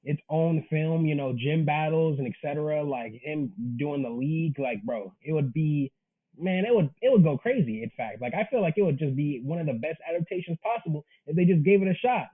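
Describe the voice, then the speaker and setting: Brisk and a little high in pitch, an early-twenties manga creator appears as an interview guest for a casual chat. He comes across as earnest, emphatic and slangy, heard through tinny call audio.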